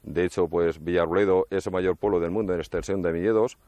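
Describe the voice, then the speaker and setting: A man's voice: deep voice, steady tone, fast, mellow, no room sound. A man from La Mancha, a winery owner, speaking casually in an interview with many fillers. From La Mancha, Spain.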